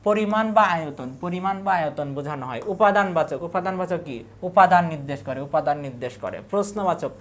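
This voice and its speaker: A man's voice: a little high, lively intonation, a little fast, hardly any pauses. A man with a Bangladeshi Bengali accent, tutoring for university admission in an exam-prep lecture, asking each question and then repeating the answer.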